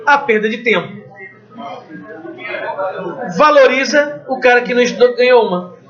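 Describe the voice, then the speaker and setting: A man's voice: extremely high pitch, normal speed, muffled recording, crowd noise. A Brazilian man teaching Portuguese in an exam review lesson, quizzing the class and answering his own questions in a casual way, with the odd curse. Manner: conversational, asks the class questions and answers them himself; swears casually.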